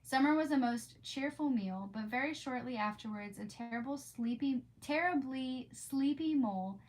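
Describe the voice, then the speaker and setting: A woman with a high, darkish voice reads storybooks aloud on a livestream at a moderate pace, chatting with viewers in an informal, gushing, rambling way. The background is clearly noisy.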